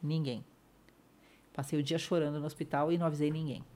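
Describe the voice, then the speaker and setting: A woman's voice: low voice, level tone, a little fast. Middle-aged Brazilian woman retelling an ordeal. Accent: Brazilian Portuguese. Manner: vivid retelling, acts out others' lines, drops to a hush at painful moments. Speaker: podcast guest. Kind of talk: emotional personal storytelling.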